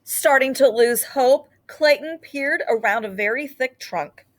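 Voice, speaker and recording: Here a woman performs a children's picture book in a lively storytelling manner, her pitch high and her delivery measured.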